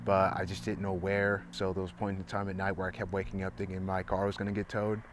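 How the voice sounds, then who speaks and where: A young man from Southern California, a photographer talking casually to camera about a spontaneous trip, relaxed and laid-back. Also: sits low, fast talker. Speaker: photographer and vlogger. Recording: noisy outdoor ambience.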